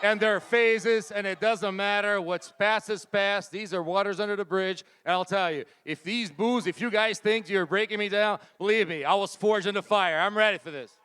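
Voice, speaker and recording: A man's voice: high voice, moderate pace, hardly any pauses, sharp tone, clear, resonant tone. A man working as a live interpreter at a press conference.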